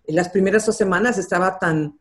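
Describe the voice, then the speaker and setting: An older woman, a television journalist appearing as an interview guest, recounts her career earnestly and reflectively, with a few fillers. Her voice sits at medium pitch and moves fairly quickly.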